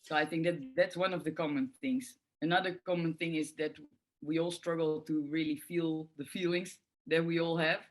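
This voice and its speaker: Speaking as a guest on forgiveness work, this middle-aged woman from the Netherlands has a deep voice, a steady tone, and a moderate pace. Her Dutch accent comes through as she answers interview questions reflectively, thoughtfully, and with plenty of filler sounds.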